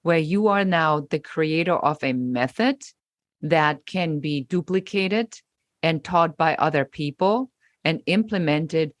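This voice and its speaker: Low-voiced emphatic woman guest. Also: slow pace, no room sound, clean studio sound. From Germany. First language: German. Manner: emphatic, animated, acts out quoted remarks. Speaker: podcast guest, business coach. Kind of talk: interview conversation.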